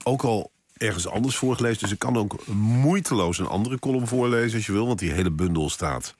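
A man's voice: lowish voice, fairly quick. A man guest on a radio show, chatting dryly and reading his own column aloud in a studio. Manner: dry, deadpan humor. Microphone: studio microphone.

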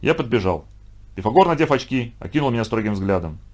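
A man narrating a children's storybook in an expressive, lively manner. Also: mid-range voice, quick pace. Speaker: reader.

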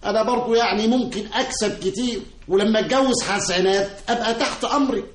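A fawning, lovesick suitor, voiced by a man with an Egyptian accent, pleading in a fairly high, wheedling voice. It sounds like an old radio play recorded in a roomy studio. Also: quick pace, close to an everyday voice. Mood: wooing. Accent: Egyptian Arabic. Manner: wheedling, earnest pleas.

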